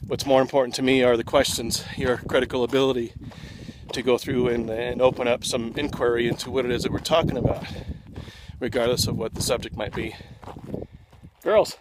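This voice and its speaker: A slightly winded man explains his course to students in an easygoing way, dotting his talk with ums and uhs. He records himself on a phone outdoors, with clear city traffic noise behind him. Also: mid-range voice, brisk. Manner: relaxed and conversational, with many filler ums and uhs. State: slightly out of breath. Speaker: online course instructor.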